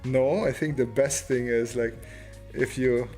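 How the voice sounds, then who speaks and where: A man's voice: mid-range voice, steady tone, a little slow, mellow, faint music behind. A man chatting casually with viewers while he draws on a livestream, joking and laughing at himself. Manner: joking, self-deprecating, laughs often. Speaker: artist streaming a sketch session.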